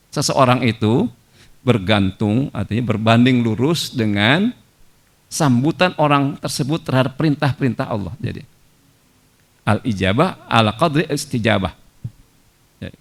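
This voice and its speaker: A man's voice: mid-range voice, gravelly. A man giving a conversational sermon in a mosque, mixing in Arabic quotations. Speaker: preacher.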